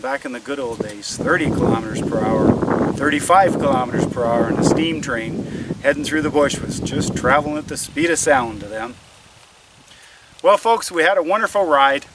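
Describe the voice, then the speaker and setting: A middle-aged man speaks at an average male pitch, chatting to his viewers as a vlogger. His manner is folksy and full of wonder. He is recorded outdoors at some distance from the mic, with loud wind and background noise over the voice. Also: animated, moderate pace. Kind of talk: outdoor vlog talk to viewers. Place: outdoors in woods and a logged clearing. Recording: windy outdoor audio, far from mic.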